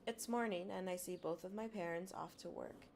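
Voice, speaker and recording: Speaking a little fast in a lowish voice, a woman who isn't a native English speaker rambles through casual stream chat and book narration. She sounds apologetic and self-deprecating, with background noise present.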